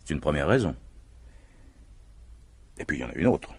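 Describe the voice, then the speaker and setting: Voicing a scheming, confident husband in a vintage French radio mystery, a male actor delivers husky, persuasive, emphatic speeches. His voice is a rumbling low with a darkish tone, very animated and heavily acted at a moderate pace, sounding assured and cautioning.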